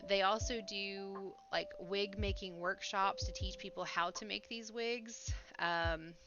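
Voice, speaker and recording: A woman chatting casually as a crochet livestream host, talking a little funny through sinus congestion and a sore, swollen mouth. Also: lowish voice. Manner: slightly impeded speech from a swollen, sore mouth. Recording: dull, lo-fi sound with faint music.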